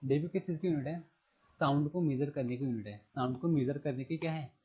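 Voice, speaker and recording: A man teaching a recorded general knowledge class. His voice sits a little high and has a husky edge. He repeats each key term, asks the class questions and answers them himself, and spells words out slowly letter by letter. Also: warm tone, highs cut off.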